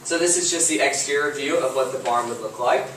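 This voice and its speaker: A young man from Texas walks through his slides one by one, filling pauses with ums and uhs. He is heard from a distance in a very reverberant room with faint background hiss. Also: mid-range voice. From Lufkin, Texas. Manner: walks through slides methodically with frequent uh and um fillers. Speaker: student presenter. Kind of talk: class project presentation. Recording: distant mic in an echoey room with faint noise.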